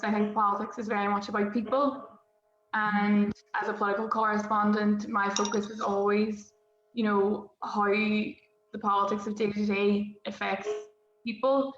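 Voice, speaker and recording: A woman with a Derry accent from Northern Ireland, giving a personal account in a reflective, conversational way. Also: mid-range voice. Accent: Derry, Northern Irish. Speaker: political correspondent. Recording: roomy, muffled, faint background noise.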